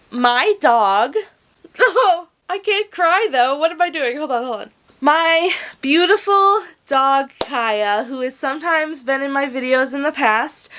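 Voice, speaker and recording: A woman's voice: high voice, fairly bright tone. A young woman chatting to camera in a casual crochet vlog, slangy and swearing freely, on a plug-in mic at home. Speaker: crochet vlogger. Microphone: plug-in desk mic.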